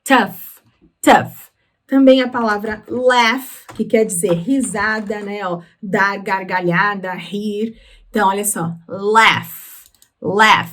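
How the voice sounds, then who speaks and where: A woman with a Brazilian Portuguese accent teaching English through song lyrics, explaining patiently and slowing down on words. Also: medium pitch, fairly even intonation. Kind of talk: explaining lyrics in a language lesson.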